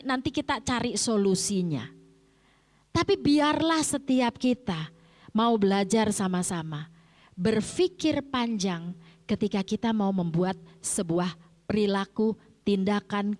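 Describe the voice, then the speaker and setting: A middle-aged woman from Jakarta preaching a sermon in a chatty way, posing rhetorical questions and answering them herself. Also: a little high. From Indonesia, grew up in Jakarta. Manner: conversational, asks and answers her own rhetorical questions. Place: church sanctuary. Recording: long church-hall reverb.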